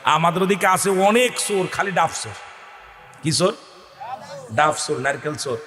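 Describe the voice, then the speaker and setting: A man's voice: on the high side, animated, moderate pace. A male preacher giving an emotional sermon, often urging the crowd to call back. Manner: emotional, calls on the crowd to respond. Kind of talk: Islamic waz sermon. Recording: echoey hall over loudspeakers.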